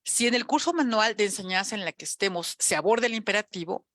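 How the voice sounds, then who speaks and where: A woman's voice: mid-range voice, fast talker, a bit bright, no echo. A woman with a Mexican Spanish accent gives an academic lecture in a chatty, conversational way, often checking in with her listeners. Her voice sits in a middle register. The sound is dry and close, with little room tone. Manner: chatty, frequent tag questions. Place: university auditorium.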